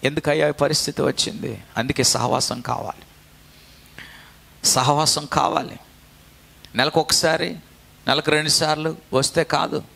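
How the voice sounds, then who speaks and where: Bright-voiced preaching pastor. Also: male voice, a little high, vocal fry. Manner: preaching with call-and-response to the congregation; repetitive, exhortative delivery. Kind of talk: sermon.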